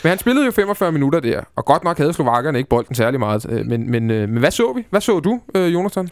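A man's voice: a little high, very animated, clean tone, dry recording, studio quality. A man hosting a casual football podcast, talking hesitantly with many fillers and restarts. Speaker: podcast host.

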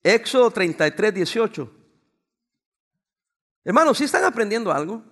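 A male pastor preaching a sermon, pausing for the congregation to finish his lines. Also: sits high, very animated, fairly bright tone. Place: church before a congregation.

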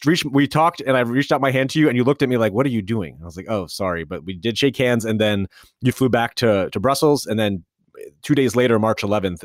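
Male interview host, conversational and rambling, lowish voice. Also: no room sound, clean studio sound. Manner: chatty, rambling with self-restarts. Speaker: podcast host. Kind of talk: casual interview.

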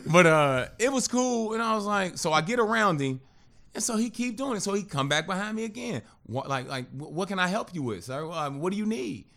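A man in his thirties, appearing as a podcast guest, tells a personal story in a high-pitched, brisk voice. He's casual, animated and profane, acting out what other people said.

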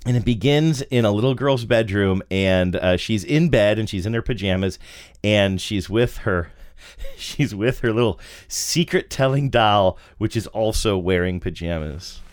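A man's voice: on the low side, measured pace. A middle-aged man co-hosting a podcast, telling stories casually in a joking, incredulous way. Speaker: podcast co-host. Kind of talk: casual conversational storytelling.

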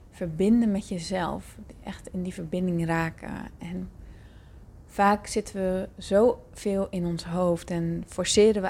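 A woman's voice: lowish voice, a little mellow, slight background noise. A woman hosting a podcast, informally addressing her listeners in an introduction. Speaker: podcast host.

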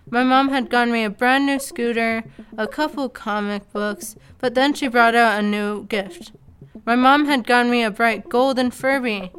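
A woman's voice: on the high side, a bit bright, a little hiss or hum. A woman narrating a comedic story in a casual, sarcastic way. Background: faint background music.

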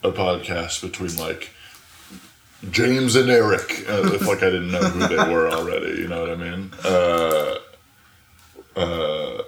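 A young man from Arizona with a deep, gravelly voice talks casually as a podcast guest. He rambles in loose, filler-heavy sentences. The sound is roomy and echoey. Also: fairly even intonation, a little slow, a crowd in the background. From Arizona, USA. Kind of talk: casual chat. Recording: echoey room.

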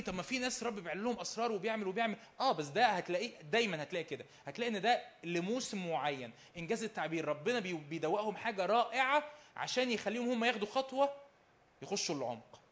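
Speaking fast in Egyptian-accented Arabic, this preacher delivers his sermon in a high, bright voice and keeps repeating key phrases. Rhetorical questions come often, and he moves from loud urging to almost hushed asides.

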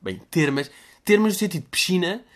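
A man in his twenties with a European Portuguese accent, hosting a casual solo podcast in a rambling, slangy, joking way, now and then breaking into loud shouted bits. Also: high voice, lively intonation, a little fast. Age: 20s. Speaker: podcast host.

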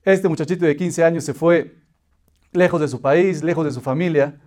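A man with a fairly high voice teaches a Torah lesson. He tells a parable and explains it patiently, stacking short repeated phrases one after another. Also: normal speed, a little mellow. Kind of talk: religious lesson with a told parable.

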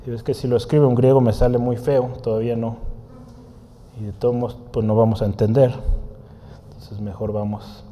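A man's voice: mid-range voice, flat delivery, normal speed, long pauses, mellow, long reverb tail. A man teaching a Bible study lesson in a conversational way, often asking his listeners questions and writing on a board. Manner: writes on a board while teaching.

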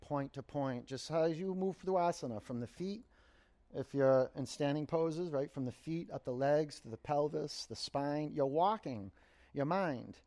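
Unhurried man guiding yoga and meditation. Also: a little high, warm tone. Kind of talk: guided yoga and meditation instruction.

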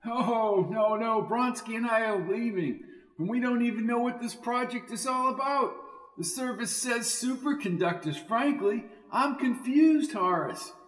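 A man's voice: very high voice, unhurried, a bit bright, reverberant, long reverb tail, pitched above the performer's own voice, poor audio. A man voicing a jovial, theatrical male sidekick who talks in a chatty, blustering way.

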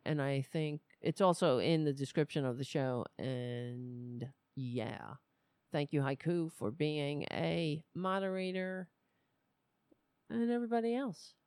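A woman hosting a live political show, chatting casually to viewers in a loose, halting, conversational way. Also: sits low, darkish tone, smooth, dry recording, studio quality.

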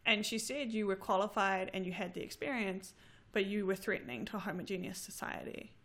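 This is a casual chat from a thirtysomething graduate student with a New Zealand accent, whose brisk, mid-range voice carries animated stories and lots of laughter.

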